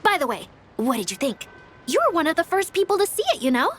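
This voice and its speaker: A chatty younger sister. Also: female voice, high voice, very animated, quick pace. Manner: bright, chatty. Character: earnest young woman, caring younger sister.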